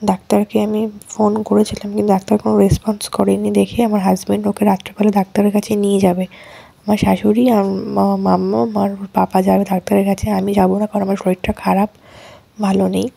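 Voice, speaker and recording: A young woman, a mother, giving a soft, hushed voice-over for her vlog. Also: flat delivery, fast talker, creaky, husky. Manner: hushed and soft, speaking low so the baby can sleep. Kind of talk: quiet voice-over narration.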